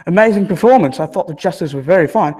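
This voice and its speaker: A man's voice: sits high, lively intonation, quick pace, darkish tone, husky. A man hosting an online competition on a video call, announcing finalists in a formal, polite way. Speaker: host. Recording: reverberant room on a call.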